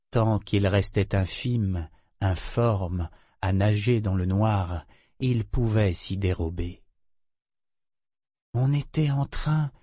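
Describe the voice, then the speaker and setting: Clean studio sound with no room echo carries this medium-pitched male audiobook narrator. He reads the novel from a script, keeping his storytelling measured and steady.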